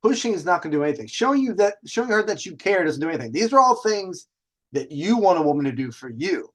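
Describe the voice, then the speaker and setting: A man with a high, very animated voice talks fast as he hosts a casual storytelling session, sharing personal stories and dating advice. He is cocky and conversational, and he swears freely.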